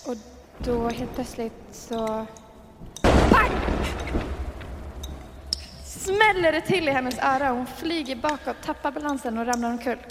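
High-voiced woman telling a spooky tale. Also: fairly even intonation, long reverb tail, heavy background noise. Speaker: storyteller. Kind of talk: improvised horror storytelling.

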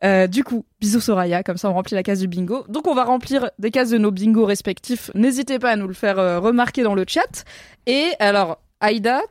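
A woman hosting a casual live-streamed chat show, chatty and quick to drop English words into her talk. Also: medium pitch, darkish tone, no echo, clean studio sound. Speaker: host.

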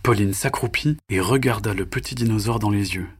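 A man narrating a children's story, expressive and dramatic, sometimes dropping to a whisper. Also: fairly low pitch, fairly quick, husky.

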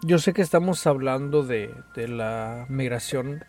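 A young Mexican man with a Mexican accent co-hosts a podcast, chatting casually in a medium-pitched, darkish voice at a measured pace. He's full of slang, swears a lot, and says "güey" constantly, with faint music in the background.

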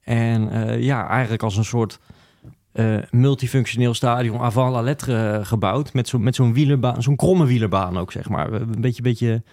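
A man's voice: medium pitch, normal speed, darkish tone, no echo, studio quality. A man with a broad Utrecht Dutch accent, chatting and telling stories in a wry, colloquial way as a podcast panelist. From Utrecht, Netherlands. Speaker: podcast panelist on football history. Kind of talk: casual chat, storytelling.

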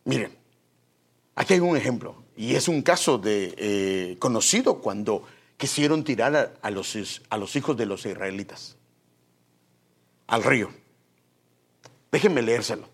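A man's voice: on the low side, lively intonation, measured pace, pauses often, breathy edge. A man preaching a sermon, emphatic, often addressing his listeners as brother.

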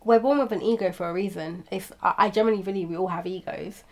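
Woman chatting casually, asks lots of questions, mid-pitched voice. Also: fast talker. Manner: questioning, conversational, uses fillers. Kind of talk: casual philosophical chat.

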